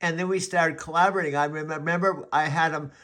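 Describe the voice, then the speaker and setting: A man's voice: fairly high pitch, fairly even intonation, sharp tone. A man in his seventies chatting casually as host, rambling and restarting his sentences often. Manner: rambling, halting with frequent restarts. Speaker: vlog host. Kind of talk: casual chat.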